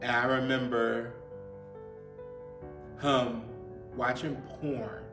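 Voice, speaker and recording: A man hosting his own show and telling a personal story in a halting way, repeating himself and often saying "like.". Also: mid-range voice, little pitch movement. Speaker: host. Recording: roomy, distant mic, faint music.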